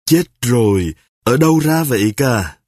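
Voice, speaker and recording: A man voicing a fretful young wife who starts out defensive and turns sharp-tongued in a spoken story, with a husky voice. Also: medium pitch, lively intonation, no room sound, clean studio sound. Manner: pleading, then snapping back in quick retorts.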